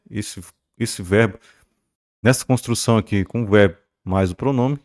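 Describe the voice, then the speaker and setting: A Brazilian man teaches grammar at a board in a fairly low voice. He points at examples, stresses key words by slowing down and keeps asking the class if they follow. The sound is dry and close, with no room echo. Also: a little mellow. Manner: pointing things out, frequent checks like "beleza?" and "né?"; emphatic, repeats key words slowly.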